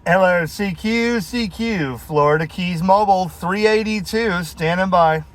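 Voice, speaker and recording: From a mobile radio setup inside a vehicle, a high-pitched man speaks at a measured pace as a friendly CB operator and video host, using call signs and radio slang. Background noise from the vehicle and radio, including clicks, comes through clearly.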